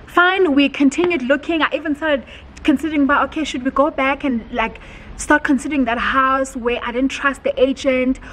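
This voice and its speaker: A young woman tells a story in a casual sit-down home vlog, animated and heartfelt, with many filler words. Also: fairly high pitch, a little hiss or hum, poor audio. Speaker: vlogger. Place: home, indoors.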